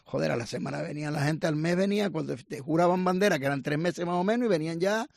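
A man's voice: on the high side, fast, gravelly, no room sound, studio quality. A middle-aged man with a Canarian accent, a guest telling joking stories in casual chat. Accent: Canarian Spanish. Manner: joking storyteller.

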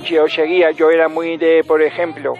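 A man's voice: fairly high pitch, little pitch movement, moderate pace, phone-quality sound, soft background music, lightly acted. A man playing a chatty older phone-in caller in a radio comedy sketch, rambling cheerfully and getting fussy over small complaints.

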